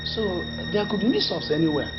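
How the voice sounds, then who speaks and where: A man's voice: high-pitched, sing-song, fairly quick. A man playing an older man protesting that he had no part in a killing. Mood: pleading. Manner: protesting, pleading. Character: elder man denying a killing. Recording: dull lo-fi film audio with music.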